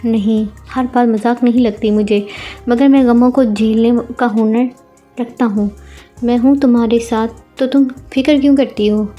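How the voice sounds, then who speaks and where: A woman voicing a stubborn, teasing young husband in an audiobook romance, reading in an even, measured way. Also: fairly high pitch, muffled recording, faint music behind, lightly acted. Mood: irritated, teasing.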